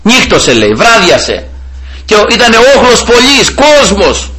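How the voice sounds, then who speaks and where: A male preacher delivers a storytelling sermon, often turning to address his brothers and praising God. His voice sits a little high and sounds bright and forceful. The pitch swings up and down with animated energy.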